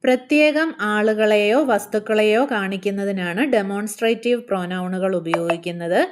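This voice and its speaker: A woman with a Malayali accent teaching an English grammar lesson. She reads English lines slowly and deliberately, then explains them more quickly in her own language. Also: mid-range voice.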